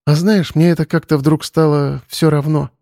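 A man voicing a hurt but resolute young woman in a storybook, speaking earnestly and a little higher. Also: fairly even intonation, moderate pace, vocal fry, mellow, no room sound, clean studio sound.

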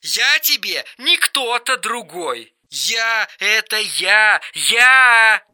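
A man voicing an erratic, mocking young man on the phone in an audiobook reading, shrill and teasing. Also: heavily acted. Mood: indignant. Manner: shrill, teasing, quick swings to flat calm.

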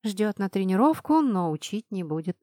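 A young woman narrating a first-person audiobook in an expressive, lively reading manner. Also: medium pitch, normal speed, no echo, studio quality.

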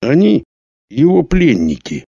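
A man voicing a calm, wise village chief in an audiobook, speaking quietly and evenly. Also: on the high side, creaky, breathy edge, no room sound, clean studio sound, pitched above the performer's own voice, full character voice. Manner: quiet, measured.

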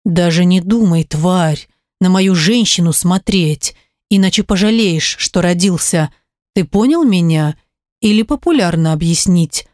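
A woman's voice: lowish voice, measured pace, darkish tone, no room sound, clean studio sound, close to an everyday voice. Gleb, a woman doing a raging protective man. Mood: furious. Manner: raging, scolding. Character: furious protective man, blunt and loud. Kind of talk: audiobook character reading.

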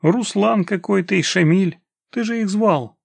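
A man's voice: high-pitched, unhurried, creaky, husky, no room sound, pitched above the performer's own voice, full character voice. A man voicing a shrewd male scout who questions and persuades his comrades. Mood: persuasive.

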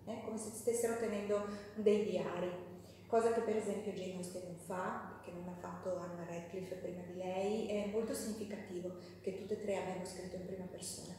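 A woman's voice: mid-range voice, little pitch movement, a little fast, dark tone, far from the mic, a little hiss or hum. Woman lecturing in an echoey hall. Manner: conversational, with fillers and self-corrections. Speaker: teacher leading a women's class. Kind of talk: lecture with reading aloud from a novel. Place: live classroom or hall.

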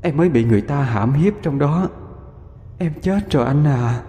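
A man voicing the ghost of a young woman, speaking softly and slowly. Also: a little high, expressive, long reverb tail, voice pushed up, close to an everyday voice. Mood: mournful.

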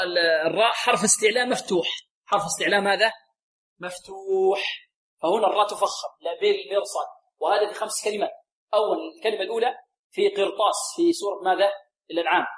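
A man teaching tajweed on a radio lesson. He explains the rules, asks his pupils questions, answers them himself and recites verses slowly. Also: high voice, a bit bright, rough recording. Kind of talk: tajweed lesson with call and response.

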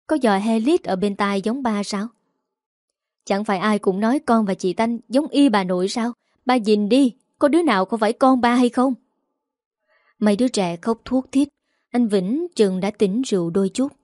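A woman reads a story aloud in a calm, measured narration. Her tone is mellow and dark rather than bright. The recording is close and dry. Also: medium pitch, no room sound.

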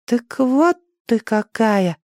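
A reader voicing a sleepy, dazed young boy's ghost who talks slowly in an audiobook. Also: sits high, dark tone, no room sound, studio quality, voice pushed up. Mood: drowsy dazed. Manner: drowsy, slow and wondering. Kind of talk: audiobook character voice.

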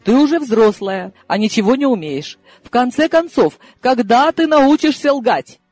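A teasing, commanding old grandmother from an audiobook, read by a man, her lines pitched high and swinging widely in tone. She sounds sharp and sarcastic, used to getting her own way. Soft music plays faintly underneath. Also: animated, moderate pace, no echo. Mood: bossy, teasing. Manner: bossy, teasing. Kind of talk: audiobook reading.

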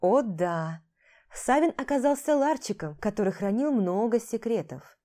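A woman's voice: a little high, animated, unhurried, warm tone. A woman narrating a novel in the first person, with a tired, sardonic edge in the lead's lines. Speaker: audiobook narrator.

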